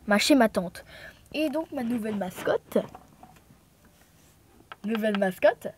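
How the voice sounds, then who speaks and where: Une jeune femme originaire de Thaïlande, bavarde et dispersée, pleine d'hésitations et d'excuses, filmée au téléphone dans son appartement. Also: female voice, fairly high pitch, expressive, slow, slight background noise. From Thailand. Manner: chatty, scattered, lots of fillers and apologies. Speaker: vlogger. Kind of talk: casual chat to camera. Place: apartment room at home. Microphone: phone held in hand.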